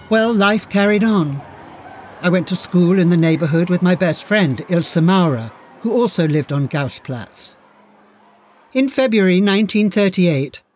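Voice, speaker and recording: A man narrating a first-person memoir in a measured, solemn way. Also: high voice, darkish tone, slight background noise.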